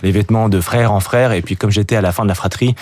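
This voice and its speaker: A young man speaking as a guest in a radio interview, often pausing and restarting his sentences. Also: on the low side, fairly even intonation, darkish tone. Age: young adult. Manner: hesitant, many fillers and restarts. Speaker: guest, jeans brand founder.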